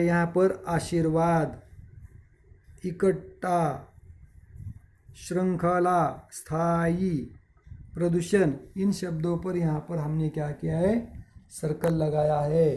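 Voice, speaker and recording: A man teaching a grammar lesson, reading words one at a time and slowly explaining pronunciation. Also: sits high, a little mellow. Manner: slow, deliberate word-by-word reading with explanations. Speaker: school teacher. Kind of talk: recorded Hindi grammar lesson. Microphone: screen recording with device mic.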